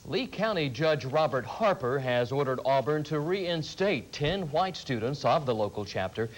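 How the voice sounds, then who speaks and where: A man's voice: mid-range voice, animated, moderate pace, a little hiss or hum, rough recording. A man anchoring a local television newscast, reading scripted news.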